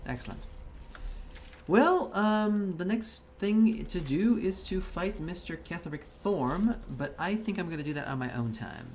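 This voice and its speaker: During a casual gaming live stream, a man from Belarus, a native Russian speaker, talks in a rambling, profanity-heavy way with many false starts. His high voice is animated but a little slow, with a somewhat dark tone. A faint hiss or hum sits in the background.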